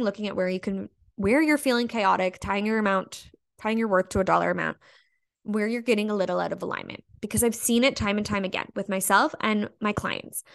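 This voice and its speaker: Gravelly-voiced woman podcast host. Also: mid-range voice. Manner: casual, emphatic, peppered with "like" and mild swearing. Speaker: podcast host and business coach. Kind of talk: solo podcast monologue.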